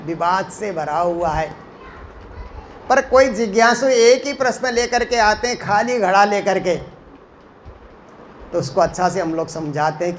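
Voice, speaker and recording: Man with a high voice as a religious teacher, chanting verses and explaining them, faint hiss behind. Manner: chants verses slowly then explains them in flowing repetitive phrases. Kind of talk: spiritual discourse explaining scripture. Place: Mumbai.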